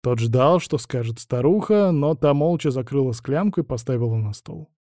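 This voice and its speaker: A man narrating a fairy tale in a measured, expressive reading. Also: mid-range voice, dry recording, clean studio sound. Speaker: audiobook narrator.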